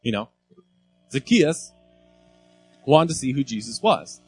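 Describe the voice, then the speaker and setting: Lively, animated male preacher. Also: mid-range voice, takes it slowly, husky, soft background music, low-quality recording. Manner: animated and informal, with frequent restarts and asides to the congregation. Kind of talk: conversational sermon.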